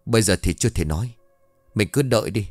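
Man doing a steady young guy calming his buddy, low voice. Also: fast talker, dry recording, soft background music. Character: young man, calm and reassuring friend.

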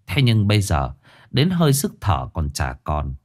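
A man narrating a ghost story in a dramatic, expressive way. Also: low voice, unhurried.

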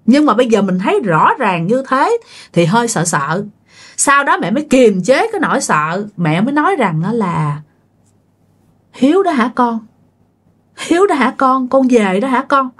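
A woman's voice: mid-range voice, a bit bright, breathy edge. A woman telling a ghost story in a casual, chatty way, often speaking straight to her listeners. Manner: chatty, addresses listeners directly.

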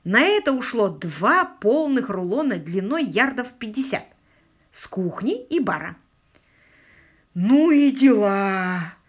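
A woman narrating an audiobook with expressive storytelling. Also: fairly high pitch, unhurried, breathy edge. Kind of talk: scripted narration.

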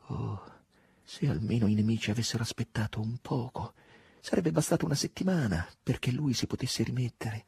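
A man narrating a novel in an audiobook, with a husky voice and a dramatic, expressive reading. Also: mid-range voice, brisk, no echo. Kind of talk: scripted literary narration.

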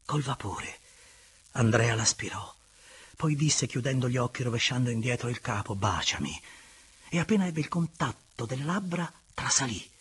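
A man narrating a classic novel aloud in an expressive, hushed storytelling manner. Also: medium pitch, slightly rough. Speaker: audiobook reader. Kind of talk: dramatic literary narration.

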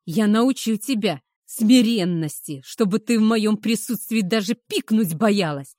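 A woman voicing a furious male werewolf pack leader who shouts and snarls threats. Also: mid-range voice, a little slow, no echo, clean studio sound, lightly acted.

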